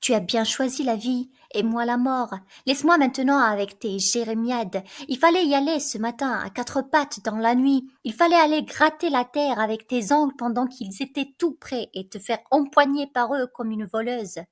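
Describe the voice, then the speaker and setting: A woman's voice: on the high side, normal speed, hardly any pauses, natural voice. A woman reading aloud the part of a defiant young woman who scornfully insists on dying alone.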